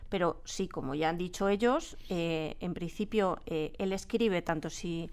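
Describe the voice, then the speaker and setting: Speaking unhurriedly in a lowish, darkish, clean voice, a Spanish woman with a Spain accent chats casually as an interview guest. She produces audio dramas and designs sound, and in the radio drama studio she stresses her points, repeating words as she searches for how to say them.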